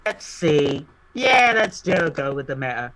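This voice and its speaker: A player with a mid-range voice works through a choice out loud. They ramble and laugh at themself while deciding. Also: medium pitch, big pitch swings, measured pace. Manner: rambling, thinks aloud, laughs at self. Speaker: game player. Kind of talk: casual game chat.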